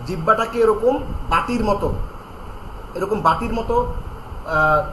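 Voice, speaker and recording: A man teaching Quran pronunciation in an online lesson, drilling each letter sound slowly and repeating it, with calm step-by-step instructions on tongue placement. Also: sits high, echoey room, a little hiss or hum, rough recording.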